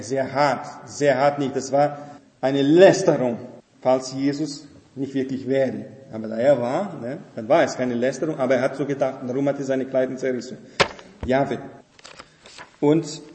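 A man's voice: mid-range voice, mellow. A man teaching a Bible study class, explaining step by step and often checking in with his listeners. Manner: explanatory, keeps asking listeners "ne?" and "versteht ihr?". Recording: echoey hall reverb.

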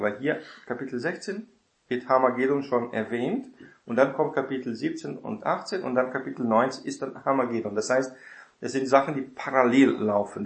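A man teaching a Bible study in a casual lecture style, often adding a quick tag question to check that listeners follow. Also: mid-range voice, roomy sound.

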